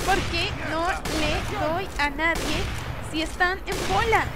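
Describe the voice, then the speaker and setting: A woman streaming a game, chatting casually in a bubbly, animated way and often laughing or yelling. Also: extremely high pitch, unhurried, heavy background noise. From Mexico. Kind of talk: casual let's-play chat.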